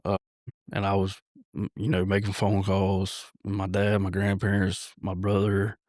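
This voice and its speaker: A man, a podcast guest telling a personal story in a halting way, with many restarts and fillers. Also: low-pitched, completely flat delivery, a little mellow, no echo, clean studio sound.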